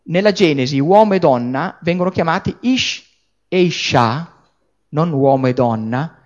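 A man lecturing on scripture to a class, animated and explanatory, often checking in with his listeners and restarting words mid-thought. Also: on the high side, highs cut off. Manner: animated, checks in with frequent tag questions.

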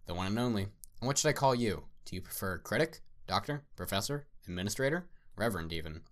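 A theatrical madman of a storybook villain, put on by a male reader. He fawns and flatters, his low voice leaping up into loud, gleeful peaks and dropping back into quiet menace. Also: fast talker, natural voice. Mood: fawning, theatrical. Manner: obsequious, repeats "sir", swings loud and high. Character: manic theatrical male artist villain, fawning. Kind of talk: dramatic story reading.

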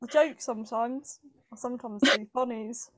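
A woman's voice: fairly high pitch, fairly even intonation, moderate pace, no room sound. A woman co-hosting a podcast, joking and giggling in casual chat over a video call. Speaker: podcast co-host.

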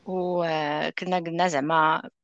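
A man with a Moroccan accent hosting a casual TV recap, speaking in halting phrases with pauses. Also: a little high, little pitch movement, fairly bright tone, smooth, no echo, highs cut off. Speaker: podcast host.

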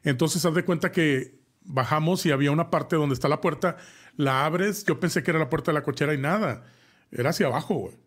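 A man's voice: a little high, a little fast. A man, co-hosting a live talk show and casually telling a horror story, rambling with lots of fillers and restarts and tossing in slang. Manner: chatty, addresses co-host directly with slang.

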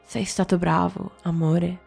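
A woman voicing the loving spirit of a prince's wife in a storybook, speaking tenderly and gently. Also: lowish voice, flat delivery, unhurried, creaky, breathy edge, faint music behind, exaggerated voice. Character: loving ghostly wife made of light.

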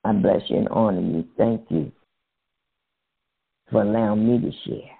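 Man, gravelly husky voice, slow effusive blessings, tinny phone line. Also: on the low side. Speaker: featured guest. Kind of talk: spiritual phone call chat.

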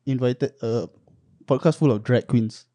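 A man discusses things casually on a podcast in slangy Malaysian or Singaporean English. His mid-pitched voice is soft-edged and dry, with lah and ah closing his phrases. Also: measured pace, no room sound. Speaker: podcast panellist.

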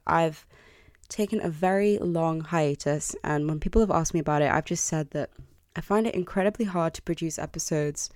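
A woman's voice: low-pitched, a little mellow, dry recording, clean studio sound. A woman in her early twenties hosting a solo podcast, talking candidly and apologetically with a self-deprecating, confessional manner. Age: early 20s. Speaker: podcast host. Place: bedroom. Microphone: close podcast microphone.

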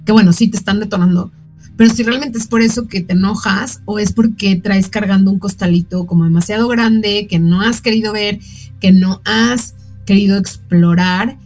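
A woman's voice: medium pitch, steady tone, normal speed, darkish tone, soft background music, poor audio. A woman with a Mexican Spanish accent hosting a radio talk show on parenting, speaking conversationally with frequent fillers and repeated words. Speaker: radio show host giving parenting advice. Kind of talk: casual talk on emotions.

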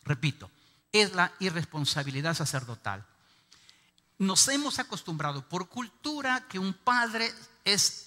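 Un hombre, pastor, predicando un sermón enfático y pidiendo a la congregación que repita sus frases. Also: male voice, sits high, bright, forceful tone, long reverb tail. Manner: emphatic preaching, calls on the congregation to repeat. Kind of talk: sermon. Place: church.

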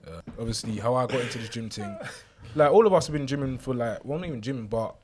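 A man's voice: medium pitch, fast talker, darkish tone. South London man, slangy, noisy recording. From South London, England. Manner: slangy, conversational, jokey storytelling. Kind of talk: casual group podcast chat.

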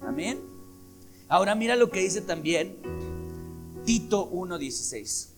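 A man preaching a sermon, emphatic and shifting between loud stresses and hushed asides. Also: sits high, animated, a little slow. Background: soft guitar music.

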